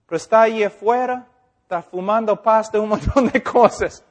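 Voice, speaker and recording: Preaching informally in Spanish, a man who speaks English uses a high-pitched voice at a moderate pace. He corrects himself along the way and makes sure his listeners are keeping up in this teaching sermon.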